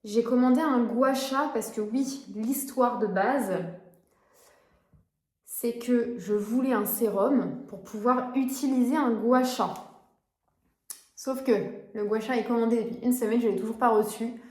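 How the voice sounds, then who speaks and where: A woman's voice: fairly high pitch, measured pace, darkish tone, roomy sound. A woman in her twenties chatting casually as a beauty vlogger, with frequent hesitations. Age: 20s. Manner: chatty, frequent "euh" fillers. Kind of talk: casual vlog chat.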